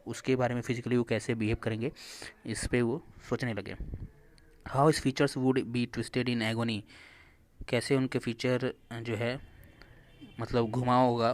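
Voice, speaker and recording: A male teacher reads English lines from a textbook slowly, then explains them quickly in Hindi with frequent restarts. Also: mid-range voice. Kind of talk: reading an English lesson aloud and explaining it in Hindi.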